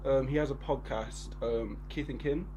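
A man in his twenties with a Bristol accent, hosting a casual podcast chat in relaxed slang. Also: mid-range voice, moderate pace, noisy background. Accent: Bristol English. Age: 20s. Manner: relaxed slangy talk with lots of "bro" and "innit". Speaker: podcast host.

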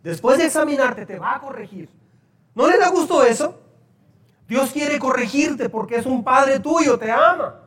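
A man's voice: very high-pitched, expressive, normal speed, a bit bright. A man preaching a sermon as pastor, talking conversationally and quizzing his congregation. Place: church hall. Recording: echoey hall, poor audio.

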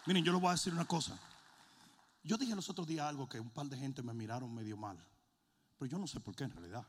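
A middle-aged man, a pastor, preaching a sermon with a comic story, animated, swinging from low asides to shouting and mixing in English words. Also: fast, breathy edge, in a large hall.

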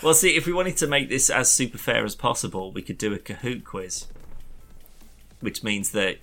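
A man's voice: mid-range voice, lively intonation, moderate pace, bright, forceful tone, soft background music. A man co-hosting a podcast in casual chat, full of blokey, sweary, matey banter. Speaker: podcast co-host.

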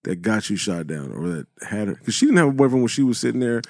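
A man's voice: on the low side, sing-song, fast talker, creaky, darkish tone, dry recording, studio quality. Teasing young man grilling a friend. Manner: teasing, jokey interrogator. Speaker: podcast co-host. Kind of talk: casual chat.

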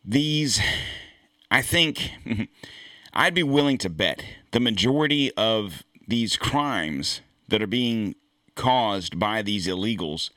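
An American podcast host with a fairly low but bright, forceful voice delivers a loose political commentary monologue, bluntly and profanely circling back and restarting his points. The recording is dry and close, with no room sound.

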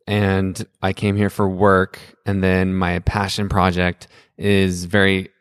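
A young man from Utah, a podcast guest telling a story in a relaxed, rambling way with many fillers. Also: sits low, slow, smooth, dry recording, studio quality. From Utah, USA. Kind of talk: casual conversation.

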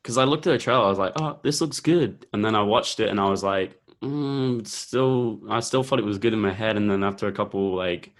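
A man's voice: on the low side, steady tone, quick pace, hardly any pauses, fairly bright tone. A young man chatting casually about films, rambling with lots of filler words. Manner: rambling, laid-back, heavy use of filler words.

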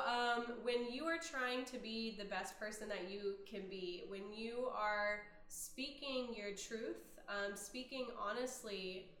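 A woman speaks slowly and thoughtfully in a casual podcast chat, her voice at a middle pitch. She pauses often with soft "um"s as she reflects. The room around her rings with echo. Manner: reflective, gentle, many "um" pauses. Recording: roomy echo.

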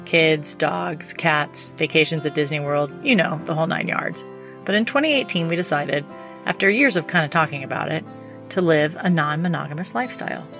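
A woman's voice: deep voice, lively intonation, fairly quick, a bit bright. A woman in her fifties co-hosting a podcast, reading a scripted intro in a playful way. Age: 50s. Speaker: podcast co-host. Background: guitar music.

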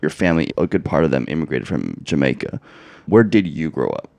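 A man hosting a podcast, asking slow, deliberate interview questions. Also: extremely low pitch, very animated, creaky, darkish tone, no echo. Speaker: podcast host.

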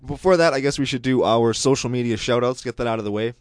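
A man co-hosting a podcast, casual and playful, reading out shout-outs with jokes. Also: quick pace, no echo. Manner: playful, jokey, bursts into high exclaims. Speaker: podcast co-host.

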